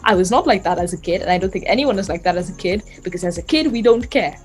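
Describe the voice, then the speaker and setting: A woman's voice: fairly low pitch, animated, quick pace, soft background music, rough recording. A young woman in her late teens with a light Indian accent that leans British, talking casually as a guest and laughing easily. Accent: light Indian, British-tinged. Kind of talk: casual conversation.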